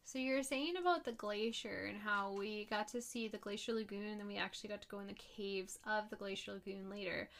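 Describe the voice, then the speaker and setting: A woman's voice: mid-range voice, fairly even intonation, a little fast, few pauses, fairly bright tone. A woman co-hosting a casual travel podcast from home, talking in a gushing, enthusiastic way. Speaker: podcast co-host. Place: on a bed at home with pets.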